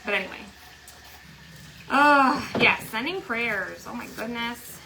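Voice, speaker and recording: A woman's voice: on the high side, takes it slowly, vocal fry, noisy background. A woman chatting casually at home while she works on a craft project, teasing her husband and laughing along. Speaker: craft livestream host. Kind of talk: casual craft livestream chat. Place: home workroom.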